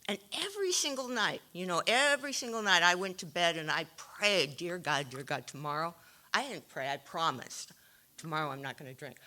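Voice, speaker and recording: Woman, candid recovery speaker, dry humor, bright tense voice. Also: lowish voice. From California. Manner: wry, self-deprecating, frequent ums. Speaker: AA speaker sharing her story. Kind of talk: recovery share, candid storytelling.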